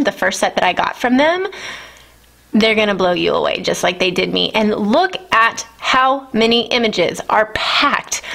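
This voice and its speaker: A woman in her thirties gushing through a casual product review at home, excited and chatty. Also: mid-range voice, vocal fry, a little hiss or hum. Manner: gushing, enthusiastic. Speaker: nail art vlogger. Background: children.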